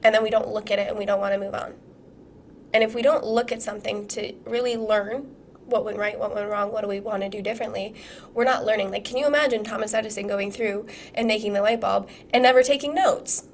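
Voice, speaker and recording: Woman, hoarse from illness, live-streamed masterclass, healing coach, casual and profane, lively rhetorical questions, mid-height voice. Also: medium pitch, fast talker, slight background noise. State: hoarse from being sick.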